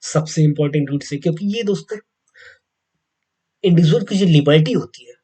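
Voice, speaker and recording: An Indian man giving an exam coaching lecture, mixing Hindi with slowly read English legal text and often repeating key points to the viewers. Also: a little high, mellow, breathy edge, poor audio. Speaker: teacher.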